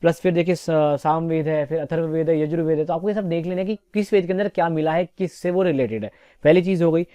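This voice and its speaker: A man's voice: on the high side, fairly even intonation, quick pace, mellow, clear, resonant tone, no room sound, studio quality. A young man teaching exam preparation topics in a casual, chatty lecture style, often checking in with his students. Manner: chatty, repeats "theek hai" often.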